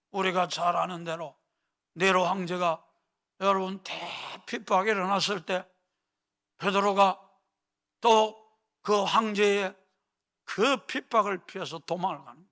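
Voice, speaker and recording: A male pastor preaching a fervent sermon, often calling out to the congregation and building to shouted peaks. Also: sits high, measured pace, pauses often.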